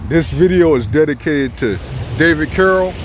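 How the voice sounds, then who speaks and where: A Southern Californian man with a local accent films himself outdoors by the beach on his phone or camera for a casual tribute vlog. His fairly high voice moves at a normal speed, relaxed and rambling, circling back on itself, repeating points and chuckling often. There's slight background noise.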